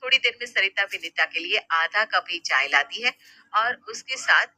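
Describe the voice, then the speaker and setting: A woman narrating an animated story in a plain, even storytelling manner. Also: medium pitch, normal speed.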